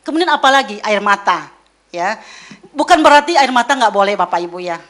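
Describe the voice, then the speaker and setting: A middle-aged woman giving a lively church teaching, acting out quoted voices as she speaks. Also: mid-range voice, a little fast. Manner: lively, acts out quoted voices, mixes in English words.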